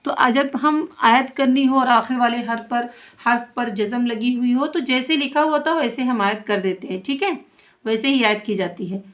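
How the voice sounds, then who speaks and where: A woman teaching a Quran recitation lesson, reciting words slowly and drawn out, then explaining rules briskly and answering her own questions. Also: fairly high pitch.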